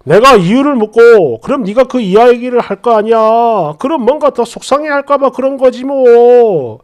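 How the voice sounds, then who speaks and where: A woman's voice: fairly high pitch, expressive, normal speed, darkish tone, lightly acted. A woman voicing a defensive young boyfriend who brushes off a complaint, in a story reading. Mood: offhand.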